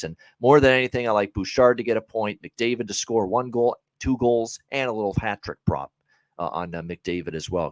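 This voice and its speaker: A man's voice: lowish voice, no echo, low-quality recording. A man hosting a sports betting podcast, talking casually through his picks with lots of filler words. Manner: chatty, many "uh" fillers, upbeat picks.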